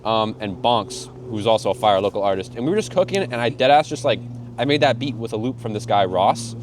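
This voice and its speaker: A young man in his twenties, a music producer being interviewed, telling stories in a relaxed, slangy way and getting animated when he quotes people. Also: lowish voice, fairly quick, slight background noise. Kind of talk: casual interview chat.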